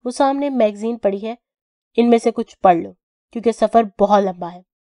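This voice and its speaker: A woman reading an audio novel, voicing a cruel young male crime boss who is stern and commanding, in a clipped, forceful way. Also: a little high, no echo, studio quality, lightly acted. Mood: teasing. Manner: stern, clipped, louder than the narration.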